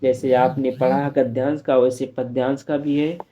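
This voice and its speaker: A male teacher going through exam-paper answers, reading each answer slowly and explaining it simply. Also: medium pitch, little pitch movement, highs cut off, slight background noise. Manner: reads answers aloud slowly, then explains in plain asides. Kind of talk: exam-prep lesson.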